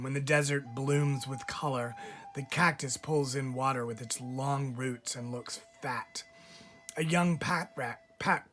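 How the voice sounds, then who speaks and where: Like a teacher telling a story to a class, a man with a mid-range voice reads a children's picture book aloud, pausing deliberately. His reading is measured and expressive.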